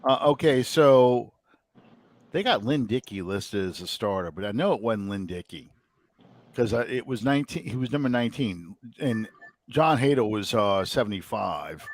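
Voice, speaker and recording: A man's voice: on the low side, animated, moderate pace, dry recording. A man from the New Orleans area hosting a casual sports podcast, rambling and thinking aloud with many ums. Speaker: podcast host.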